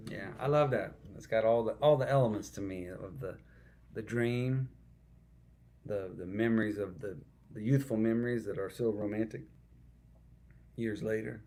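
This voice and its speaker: Gravelly low-voiced musician chatting between songs. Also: male voice, slight background noise. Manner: rambling, self-deprecating, warm asides. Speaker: musician hosting a livestream show. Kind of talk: casual chat between songs, reading viewer comments. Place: at home, alone with a guitar.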